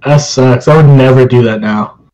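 A young man in a loose, casual chat, telling long rambling stories with plenty of swearing. His pitch sits in an ordinary middle range and he keeps an easy conversational flow. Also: normal speed, crowd noise, low-quality recording. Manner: rambling storyteller, swears, laughs often. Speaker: live stream host.

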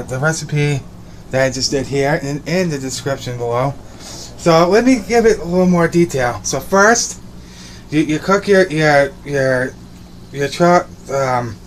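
In his small kitchen and bedroom, a young man cooks and vlogs casually, upbeat and rambling with repeated words, his voice a little high. The phone is held at arm's length, and the audio carries slight background noise.

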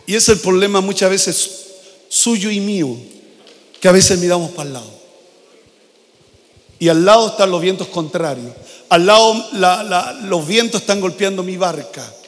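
An older man preaching a sermon as pastor, repeating phrases and shouting out prayers. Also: high-pitched, moderate pace, pauses often. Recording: long hall reverb.

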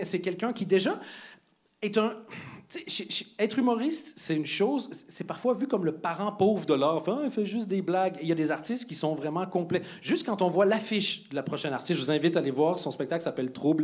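A man with a high voice hosts a live stand-up comedy night. He talks casually and teases the audience playfully between his introductions of the next act. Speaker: comedy club host. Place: comedy club stage.

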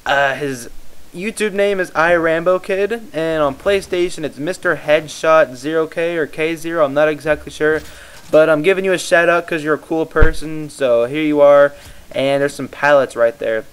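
This YouTube gaming commentator, a tired young Midwestern man, speaks at normal speed in a slightly high voice with a clear, resonant tone. He rambles casually over his gameplay and frequently loses track of what he was saying.

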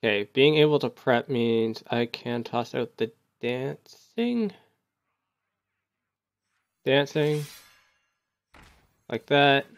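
A man's voice: mid-range voice, takes it slowly, creaky, pauses often, no echo. Man muttering through gameplay commentary. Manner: thinking aloud, muttering, sudden excited outbursts. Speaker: gaming YouTuber. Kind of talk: casual live gameplay commentary.

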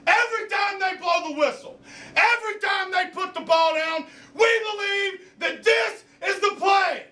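Man shouting a pep speech, echoey room. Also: very high-pitched, measured pace. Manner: emphatic, repetitive phrasing. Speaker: football coach. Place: indoor locker room with team. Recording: echoey locker room, distant camera mic.

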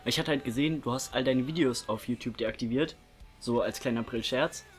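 In a small indoor room with a curtain behind him, a young man hosts a prank-call video, chatting casually at a fairly quick pace in a mid-range voice. Music can be faintly heard in the recording.

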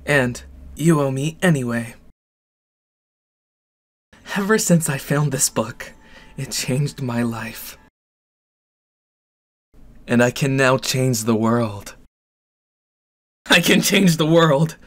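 Man acting out slow, manipulative anime villain boyfriend Light Yagami. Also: mid-range voice, lively intonation, a bit bright. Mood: grandiose, fervent. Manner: slow, deliberate, coldly controlling. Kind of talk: ASMR roleplay, dramatic anime monologue.

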